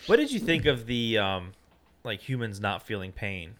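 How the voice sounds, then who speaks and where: A man co-hosting a casual film podcast. He speaks haltingly and searches for words with many fillers. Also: fairly low pitch, sing-song, a bit bright. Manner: hesitant, many fillers, restarts thoughts. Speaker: podcast co-host.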